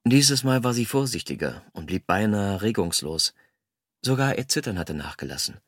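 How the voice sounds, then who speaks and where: A man reading a first-person story aloud in a calm, measured, intimate way. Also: lowish voice, husky, dry recording, studio quality. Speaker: audiobook narrator. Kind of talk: scripted first-person narration.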